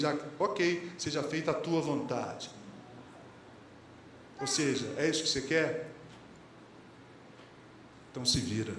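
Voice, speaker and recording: Preaching in a church hall, a man with a Brazilian Portuguese accent and a fairly high, fairly bright voice keeps things conversational. He quotes lyrics and sayings and asks the congregation questions, while the recording carries echo, faint ambience and a light hiss or hum.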